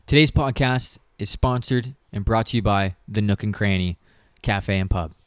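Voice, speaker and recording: A man's voice: on the low side, normal speed, smooth, dry recording, clean studio sound. A man announcing a scripted, comic fake sponsor read for a podcast. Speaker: mock ad announcer.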